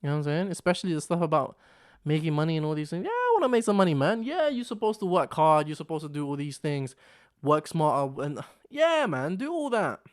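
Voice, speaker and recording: Very animated and brisk, the vlog host speaks in a slightly high voice with a clean tone. He's a young man from the Philippines, London-raised since his teens, recording a casual solo vlog on a camera mic. Expect rambling, repetition, and plenty of "you know what I'm saying".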